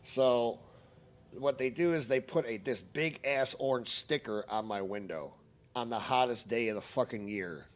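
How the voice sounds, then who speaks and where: A man's voice: medium pitch, moderate pace. A man telling a story on a stream in a casual, heated, profane ranting manner.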